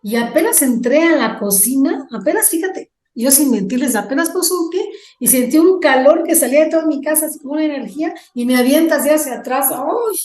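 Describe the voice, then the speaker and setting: Animated woman telling a ghost story. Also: high voice, a little fast, reverberant. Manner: animated, acts out the quoted dialogue. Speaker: guest.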